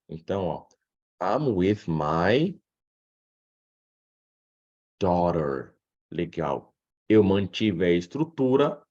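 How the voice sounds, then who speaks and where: A man's voice: low-pitched, husky, muffled recording. A man with a Brazilian Portuguese accent, teaching an English lesson in a live online class and acting out his students' questions. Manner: animated, acts out student questions.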